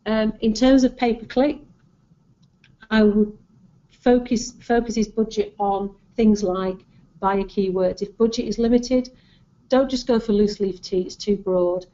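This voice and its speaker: A woman's voice: mid-range voice, steady tone, unhurried, warm tone. A woman with a Lancashire accent giving an informal marketing presentation, advising in an encouraging, conversational way. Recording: dull, lo-fi audio.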